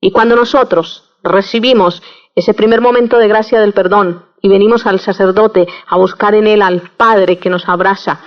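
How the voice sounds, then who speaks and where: A religious sister giving an earnest radio sermon, questioning listeners directly and telling a little joke. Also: female voice, medium pitch, steady tone, normal speed, dull audio.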